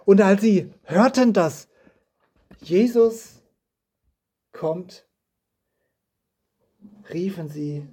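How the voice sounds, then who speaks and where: Slow, mellow-voiced preacher giving a sermon. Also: mid-range voice, animated, breathy edge. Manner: slow, reflective, asks the listeners questions. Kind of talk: sermon with scripture reading. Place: indoors in a house.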